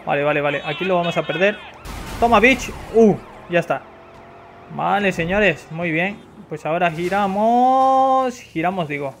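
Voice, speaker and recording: Excitable young gamer from Spain high-pitched, loud outbursts and swearing, a bit stuffy, faint background hiss. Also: male voice, normal speed. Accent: Spain Spanish. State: slightly congested. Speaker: gameplay commentator. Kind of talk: casual let's-play commentary.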